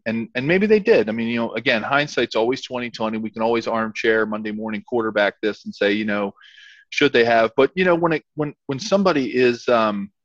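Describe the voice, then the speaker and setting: A man's voice: lowish voice, no room sound. A man co-hosting a football podcast, giving casual commentary in an emphatic, repetitive, stop-and-start way. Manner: emphatic, repetitive, halting phrasing. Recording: dull, slightly lo-fi sound.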